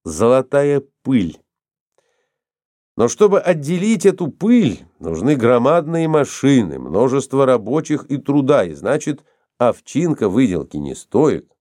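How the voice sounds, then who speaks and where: A cool, sceptical older man who explains things calmly and drily, as a male reader plays him. His voice sits low and mellow. It is measured and unhurried, recorded close and dry. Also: dry recording.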